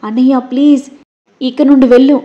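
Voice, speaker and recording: A woman's voice: high voice, fairly even intonation, normal speed, lo-fi sound, lightly acted. A woman voicing a young woman who pleads tearfully with her brother in a read-aloud audio story. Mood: pleading. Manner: pleading, later sobbing and shouting.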